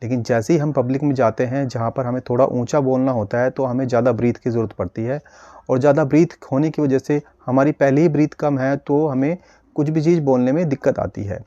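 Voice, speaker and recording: Man, speech therapist lesson, mellow voice, dry dull recording. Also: mid-range voice, no room sound. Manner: calm, patient, demonstrates sounds slowly. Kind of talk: instructional video lesson.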